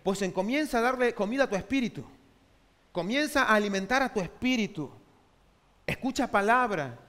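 High-voiced pastor preaching. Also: male voice, animated, fairly quick, fairly bright tone. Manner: call-and-response, has the congregation repeat phrases; emphatic preaching with rhetorical questions. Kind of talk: sermon. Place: church sanctuary. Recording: long hall reverb from a church.

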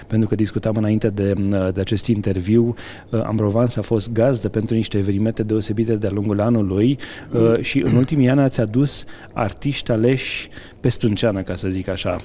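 A middle-aged man from Romania, a TV interviewer asking leading, flattering questions with some hesitant fillers. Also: fairly low pitch, slight background noise. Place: restaurant lounge with fireplace. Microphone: handheld branded mic.

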